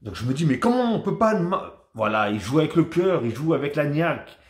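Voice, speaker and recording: A man from France giving a casual, rambling football match debrief to his viewers, chatty and animated. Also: fairly high pitch, fairly quick, echoey room. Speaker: football vlogger.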